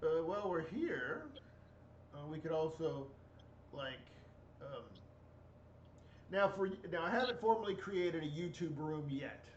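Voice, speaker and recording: A man in his forties talks in a halting, filler-heavy way, his voice pitched a bit high. He sits back from a muffled mic in an echoey room, with a faint hiss underneath. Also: expressive, recorded from a distance. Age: 40s. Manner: hesitant, many fillers and restarts. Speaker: podcast co-host. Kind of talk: casual chat.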